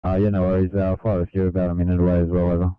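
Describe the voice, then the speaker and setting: Man, radio operator, over a two-way radio, low voice, tinny line. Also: completely flat delivery, smooth, dry recording. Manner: brisk clipped radio procedure. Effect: heard over a two-way radio. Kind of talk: emergency radio traffic.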